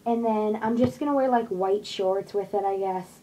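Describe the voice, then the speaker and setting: A woman's voice: medium pitch, normal speed, warm tone, a little hiss or hum, rough recording. Chatty young woman in a bedroom haul video. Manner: chatty, rambling, lots of fillers. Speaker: vlogger showing a shopping haul. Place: small bedroom with posters, indoors. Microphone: webcam on desk at close range.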